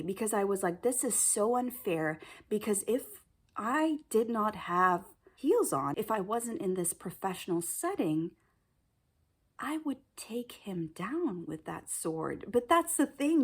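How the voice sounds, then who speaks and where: A woman with a slightly high, breathy and husky voice tells a story casually, as if to friends. She leans on dramatic emphasis and acts out what people said and how she reacted. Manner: animated, acts out quotes and reactions. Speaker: storyteller recounting an audition.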